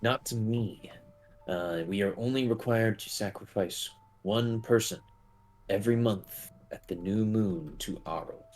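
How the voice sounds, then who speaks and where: A man playing a weary, conflicted town official in a tabletop game, speaking in a halting, formal and resigned way. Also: on the low side, darkish tone, natural voice.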